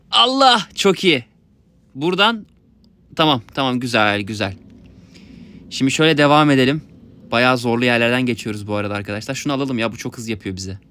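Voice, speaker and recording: A young man giving excited let's-play commentary, talking to his viewers and yelping at his mishaps. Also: medium pitch, fast talker, smooth. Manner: excitable, yelps and laughs at mishaps, talks to viewers. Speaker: gaming YouTuber.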